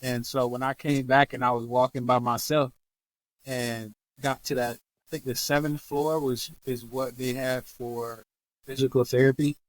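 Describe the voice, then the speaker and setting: A man's voice: medium pitch, unhurried, dry recording, rough recording. A man, a podcast guest on a remote call, telling his story casually in an interview and acting out the people he quotes. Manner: animated, acts out quoted voices.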